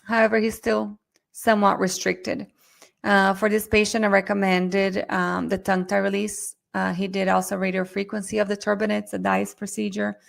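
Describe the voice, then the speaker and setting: A middle-aged woman giving a live online lecture on therapy cases, talking fast and chatty and often addressing her audience directly. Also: mid-range voice, flat delivery, vocal fry. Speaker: myofunctional therapy instructor.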